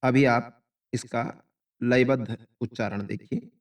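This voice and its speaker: A man teaching how to recite Sanskrit verses, explaining each step slowly and plainly. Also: mid-range voice, fairly even intonation, far from the mic. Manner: slow rhythmic chanting, then plain explanation.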